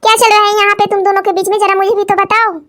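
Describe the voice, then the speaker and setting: A woman's voice: very high voice, level tone, fast talker, a bit bright. Woman voicing a weary scolding cartoon mother. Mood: pleading. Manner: weary, pleading. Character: scolding middle-aged mother of two daughters. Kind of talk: cartoon voice acting.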